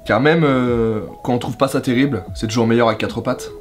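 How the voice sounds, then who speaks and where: A man's voice: medium pitch, steady tone, moderate pace, faint music behind. A man in his thirties hosting a casual food vlog, joking and teasing his cameraman. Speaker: food vlogger host.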